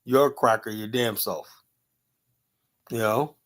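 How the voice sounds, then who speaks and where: A man's voice: lowish voice, takes it slowly, a bit bright. Blunt, profane man. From United States. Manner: blunt, profane, argumentative, with frequent "you know" fillers. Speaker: host. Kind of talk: combative live-stream commentary.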